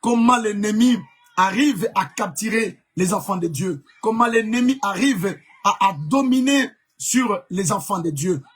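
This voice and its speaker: A man's voice: high-pitched, husky. A man from Congo preaching a live-streamed sermon as an evangelist, emphatic, repeating key words, with many fillers.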